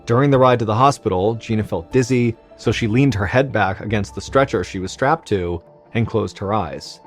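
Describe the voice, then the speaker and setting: A man telling a true medical mystery in scripted narration, measured and suspenseful, dropping quieter at the tense moments. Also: on the low side, faint music behind. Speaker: storyteller.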